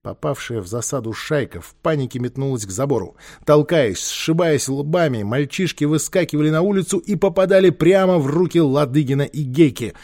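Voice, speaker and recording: A man's voice: a little high, lively intonation, brisk, hardly any pauses, a little mellow. Man reading a story aloud. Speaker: narrator. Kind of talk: storybook narration.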